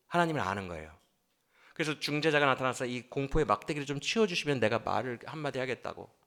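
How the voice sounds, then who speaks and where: Male pastor doing a sermon, bright tone, swings up and down a lot, acts out the pleas he quotes. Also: on the high side. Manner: animated, keeps asking the congregation questions. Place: church sanctuary.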